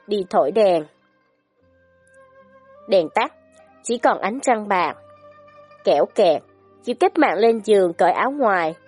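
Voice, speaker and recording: A woman narrating a story in an expressive, dramatic storytelling manner. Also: mid-range voice, slightly rough. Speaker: audiobook narrator.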